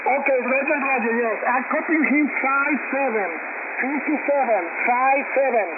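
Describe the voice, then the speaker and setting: A man speaks as a ham radio operator in a very high-pitched voice, repeating short procedural phrases. The thin shortwave signal is buried in loud radio static. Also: normal speed, phone-quality sound.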